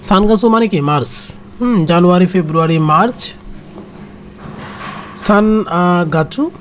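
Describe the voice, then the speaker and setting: A Japanese language teacher giving a kanji writing lesson, talking slowly and repeating each word with frequent hesitant pauses. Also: mid-range voice, a little hiss or hum.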